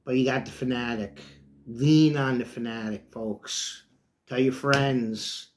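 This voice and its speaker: A man's voice: mid-range voice, fairly even intonation, slow, a little hiss or hum. Folksy, rambling middle-aged man. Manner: chatty, folksy, drifts between topics, often calls listeners folks. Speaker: host of his own sports talk channel. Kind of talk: casual rambling monologue.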